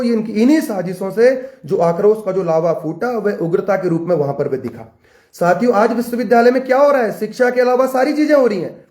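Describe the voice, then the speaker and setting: A man's voice: high-pitched, a little mellow, roomy sound. A young man from Uttarakhand, a student leader, giving an impassioned political address to camera with fiery, repetitive rallying rhetoric. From Uttarakhand, India.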